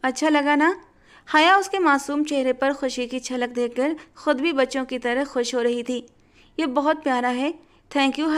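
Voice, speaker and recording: A woman narrating a dramatic family story in a steady, expressive reading. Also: sits high.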